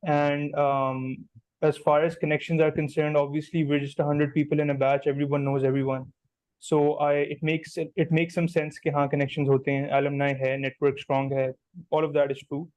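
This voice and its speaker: A man's voice: fairly high pitch, no echo, poor audio. A young man in his twenties with a Pakistani accent, a guest doctor talking casually and slipping Urdu phrases into his English. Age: 20s. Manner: mixes Urdu phrases into English, steady and measured. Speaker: guest, newly matched doctor. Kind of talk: casual conversational answers.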